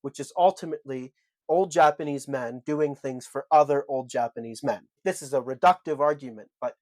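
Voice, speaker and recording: A podcast co-host lays out his argument point by point, emphatically building it in lists. His medium-pitched voice is brisk and a little mellow, with no echo.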